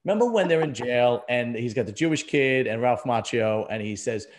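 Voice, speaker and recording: A middle-aged man from the US East Coast hosts a casual conversational podcast, speaking at normal speed in a medium-pitched, animated voice. He's blunt and emphatic and often repeats himself for stress. Slight background noise can be heard.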